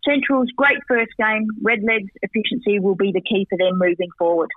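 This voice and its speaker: A man giving a chatty football match recap and tips as a radio guest, rattling off stats with quick asides. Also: sits high, fairly even intonation, no echo. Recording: tinny dry phone line.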